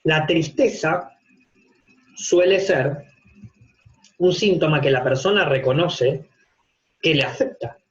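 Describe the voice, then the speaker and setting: A fairly high-pitched male voice moves slowly, with long pauses, through an informal online university lecture. The speaker, an Argentine psychopathology teacher working from his home office, explains step by step using rhetorical questions and everyday examples. Audio quality is dull and lo-fi, typical of a video call.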